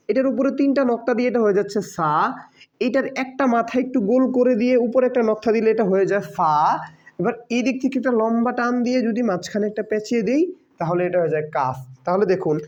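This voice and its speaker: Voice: mid-range voice, darkish tone. Patient teacher. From Bangladesh. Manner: patient, drills by repetition and quiz questions. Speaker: Quran teacher. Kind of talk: step-by-step lesson. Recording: dull lo-fi recording.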